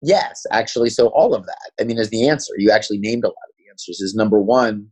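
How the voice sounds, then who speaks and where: A man in his forties with a New York City accent, a school founder telling stories fast and animatedly in a podcast interview. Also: fairly low pitch, poor audio. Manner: fast-talking, animated storyteller.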